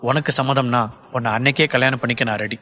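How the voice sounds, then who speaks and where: A man's voice: mid-range voice, fairly even intonation, quick pace, sharp tone, big-room sound. A man voicing a cornered young man who pleads with his lover to trust him, in an audiobook. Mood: firm. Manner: earnest, pleading, reassuring.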